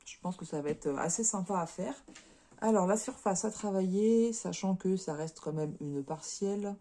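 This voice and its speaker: A woman's voice: mid-range voice, normal speed, warm tone. A French woman chatting casually as a craft vlogger, showing and unboxing cross-stitch kits, with lots of fillers and repeated words.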